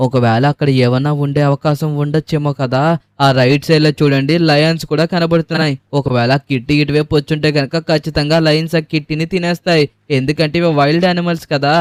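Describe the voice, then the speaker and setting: Excitable young man narrating a game. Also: on the high side, fast talker, clean tone, no room sound. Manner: excitable, dramatic shouting and groaning. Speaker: gaming channel host. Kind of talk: game voiceover commentary in character.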